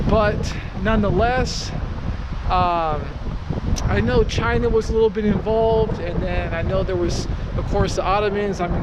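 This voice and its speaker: A man's voice: high voice, muffled recording, background noise. An American man vlogging casually to his viewers in a rambling, slangy, sweary way. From the United States. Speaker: travel vlogger. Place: outdoors at a hilltop memorial, later inside a cave.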